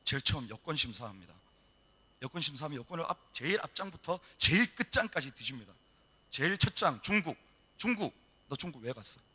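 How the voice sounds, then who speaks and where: A middle-aged man preaches to a young audience, his voice bright and sitting a little high. He tells his story in an animated way and acts out each exchange as he goes. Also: a little fast, husky. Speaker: missionary preacher. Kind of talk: storytelling sermon. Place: church hall.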